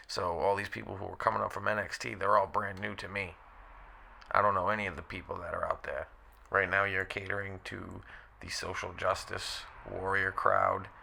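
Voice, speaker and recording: A man with a very low, heavily gravelly voice that still has a bright, forceful edge. He rants bluntly about the show on his own vlog and hammers the same points again and again. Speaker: wrestling commentary vlogger. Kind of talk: opinionated solo rant.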